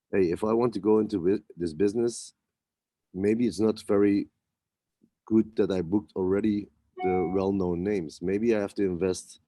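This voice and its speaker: A man, a club promoter, answering interview questions in a relaxed way with many pauses and restarts. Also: fairly low pitch, no echo. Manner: hesitant, many fillers and restarts. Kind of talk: casual interview talk.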